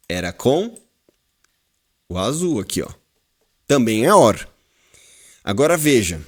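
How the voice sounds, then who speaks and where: A man with a Brazilian Portuguese accent teaching a class, explaining slowly and repeating words while quizzing his students. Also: medium pitch, a little mellow. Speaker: Hebrew teacher. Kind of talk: classroom lesson.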